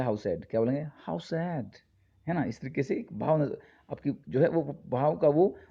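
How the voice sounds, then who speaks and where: A man's voice: medium pitch, vocal fry, dark tone. A man teaching spoken English in Hindi, reading phrases aloud and repeating each English line for his students. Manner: reads sentence pairs aloud and repeats the English with a quiz-like "क्या बोलेंगे?". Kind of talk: Hindi-medium English lesson. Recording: dull lo-fi recording.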